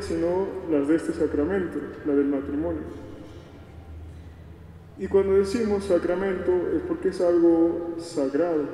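Male priest, middle-aged, higher-pitched but very mellow, preaching in booming cathedral echo. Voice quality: echoing cathedral sound. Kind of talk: gospel reading and homily. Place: large church, indoors. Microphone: gooseneck lectern microphone heard from far off. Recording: echoey church hall, distant, noisy.

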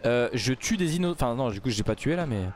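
A man giving casual let's play commentary, mumbling then bursting into loud outbursts. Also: medium pitch, fast talker, a little hiss or hum. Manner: excitable, swings from mumbling to outbursts. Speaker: gaming YouTuber.

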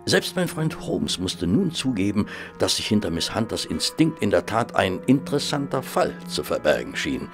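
A man playing a courteous, cautious doctor who narrates and speaks in an audio drama in a measured way. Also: sits low. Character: genteel, cautious male doctor, detective's companion and narrator.

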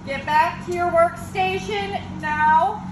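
A woman's voice: very high voice, steady tone, slow. A woman talking through a megaphone, bossily ordering coworkers back to their workstations. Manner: bossy, barking orders at coworkers. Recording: echoey, noisy room.

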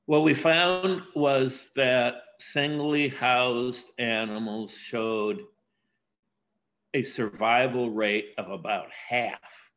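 An older American man delivers a keynote academic lecture at a measured pace, with frequent pauses and filler sounds. His voice is medium in pitch and fairly bright in tone.

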